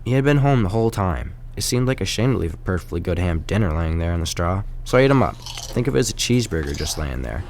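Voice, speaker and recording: A man's voice: low voice, sing-song, quick pace, slight background noise. A man playing an aggrieved, folksy wolf who narrates his side of a storybook radio play in a conversational, wry, self-justifying way. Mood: wry storytelling. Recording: loud music under the voice. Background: guitar music.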